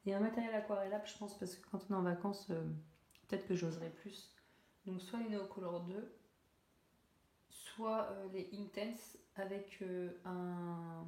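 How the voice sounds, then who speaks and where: A woman's voice: lowish voice, darkish tone, reverberant. A young woman chatting casually while coloring, rambling with many fillers and self-corrections, laughing at her own jokes. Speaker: coloring YouTuber.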